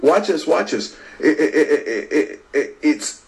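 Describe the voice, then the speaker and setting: Man, preacher, sermon, repetitive emphatic cadence, hushed drops, addresses y'all. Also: fairly high pitch, expressive, a little slow, gravelly, low-quality recording. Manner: repetitive and emphatic, rising to stress and dropping to a hush. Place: livestream to online viewers.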